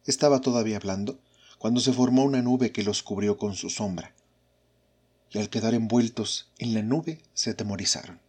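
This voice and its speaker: A man reads a gospel passage in a slow, measured, solemn way. His voice sits low and sounds breathy and husky. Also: fairly even intonation, darkish tone. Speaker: scripture reader. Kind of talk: scripture reading.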